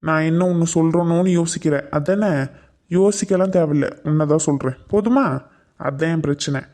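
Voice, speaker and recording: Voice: medium pitch, fairly quick, warm tone, close to an everyday voice. A voice actor playing a sullen, sarcastic young man who snaps at his grandmother in a cartoon comedy. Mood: sulky.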